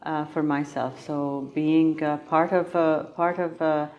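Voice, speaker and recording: A middle-aged woman from Egypt, a patient advocate answering conference interview questions thoughtfully, pausing often with fillers. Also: low-pitched, level tone, lo-fi sound. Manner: thoughtful, many pauses and fillers.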